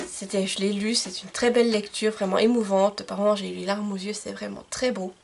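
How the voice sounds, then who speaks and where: Woman vlogger, casual chat, lots of fillers, talking into a camcorder. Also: medium pitch. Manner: chatty with many fillers. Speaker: book vlogger. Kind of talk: casual book recommendations.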